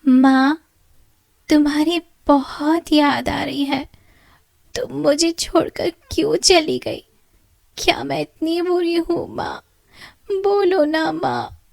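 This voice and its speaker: A woman voicing a gentle, mistreated young girl in a cartoon story, speaking meekly and tearfully. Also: high-pitched, slow, no room sound, pitched above the performer's own voice. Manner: meek, tearful, pleading.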